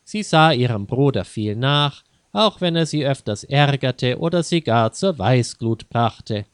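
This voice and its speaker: Slow, clear male storyteller. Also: mid-range voice, animated, no room sound, studio quality. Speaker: narrator. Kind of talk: reading a children's story aloud.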